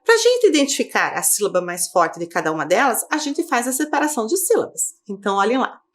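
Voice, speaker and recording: A woman teacher giving a video lesson to children, speaking slowly and clearly and asking the pupils questions. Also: on the high side, big pitch swings. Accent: Brazilian Portuguese.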